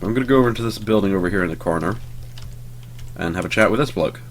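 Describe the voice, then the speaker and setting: A young man who's just gotten over a cold talks through the game he's playing in a low, quick voice, with slight noise in the background. He sounds sleepy and rambling as a let's play host, full of ums and offhand swearing.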